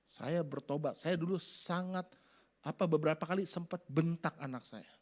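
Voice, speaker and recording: A middle-aged man preaching a sermon, acting out family scenes in sudden loud voices. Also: on the high side, normal speed. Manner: animated, acts out family scenes with shouted voices. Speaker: pastor.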